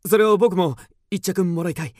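A man's voice: sits high, normal speed, a little mellow, dry recording, clean studio sound, close to an everyday voice. An actor playing an agitated, obsessed man recounting an eerie mystery in dramatic radio drama narration, with theatrical swings. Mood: agitated, urgent. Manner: suspenseful, theatrical, with sudden swings.

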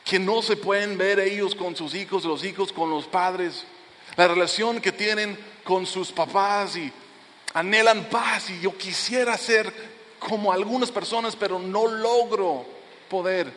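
A middle-aged pastor preaches a sermon in a church sanctuary. His voice sits fairly high for a man, and he drops into soft, low lines to press a point home. A long reverb trails off his words through the hall. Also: unhurried, a little hiss or hum.

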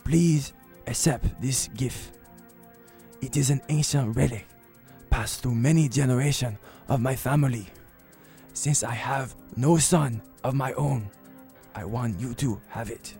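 An actor playing a gentle, dying older martial arts master who speaks slowly and solemnly. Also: male voice, mid-range voice, creaky, faint music behind. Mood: solemn farewell. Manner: slow, solemn, measured. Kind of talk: audio drama acting.

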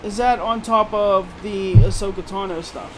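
A woman co-hosting a podcast, dropping short, dry jokes. Her voice sits at a middling pitch, and a loud air conditioning hum runs through the noisy room behind her. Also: steady tone, moderate pace. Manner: dry, teasing quips. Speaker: guest co-host. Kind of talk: casual chat.

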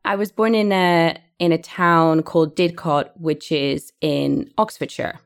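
An English teacher and podcast cohost from England, this woman has a southern English accent and chats cheerfully in a casual interview, laughing easily. Her voice is low, steady, smooth and a little creaky, and she speaks a little slowly.

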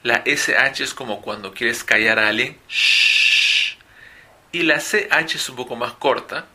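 Male virtual English teacher, husky and very bright, careful slow modeling of sounds. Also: medium pitch. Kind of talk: recorded pronunciation lesson.

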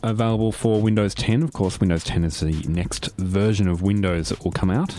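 A man's voice: deep voice, brisk, dark tone, soft background music. A man hosting a casual tech radio show in a studio, chatty and hesitant with many fillers. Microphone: studio mic.

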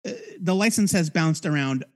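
A man with a high-set voice co-hosts a casual comic book podcast. He talks in a halting way, restarting words and leaning on "uh" and "um" as he works out what to say. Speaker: podcast co-host. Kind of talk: casual chat.

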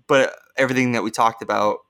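A man's voice: mid-range voice, steady tone, fast, gravelly, a bit bright. A young man co-hosting a podcast in a casual, bubbly chat, rambling with lots of fillers. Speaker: podcast co-host.

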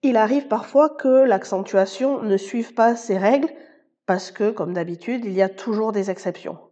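Woman teacher with a mellow, muffled sound. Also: mid-range voice, moderate pace. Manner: patient, explanatory, addresses listener informally. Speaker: Spanish teacher. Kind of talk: scripted podcast lesson.

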